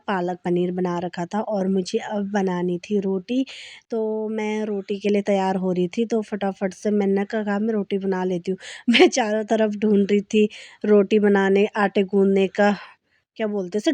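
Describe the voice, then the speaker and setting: A woman's voice: medium pitch, dark tone, dry recording. A young woman vlogger chatting casually as she narrates her day, telling little stories and laughing often. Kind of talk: casual daily vlog narration.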